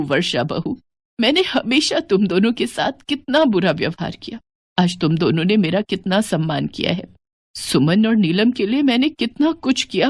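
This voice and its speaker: A woman voicing a widowed older mother-in-law who talks slowly in a lowered voice. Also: no room sound, close to an everyday voice.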